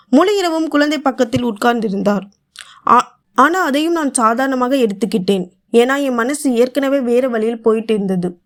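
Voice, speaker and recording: A woman tells a story in the first person, as if making a quiet confession. Her voice sits a little higher than most, and she keeps a soft, even way of telling it.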